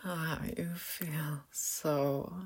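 A woman playing a doting, seductive mother figure in an intimate audio roleplay, talking softly in murmurs and whispers with hums and light laughs. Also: low voice, fairly even intonation, breathy edge, heavily acted. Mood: sultry. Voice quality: soft, whispery. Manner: slow, murmuring, teasing, with frequent hums and soft laughs.

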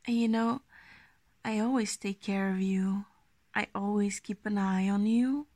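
A woman doing an ASMR role-play as an affectionate, gently dominant girlfriend, speaking slowly and intimately in a coaxing half-soft voice. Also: mid-range voice, steady tone, no room sound, lightly acted. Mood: coaxing, possessive. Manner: slow, breathy, intimate, soft-spoken, coaxing.

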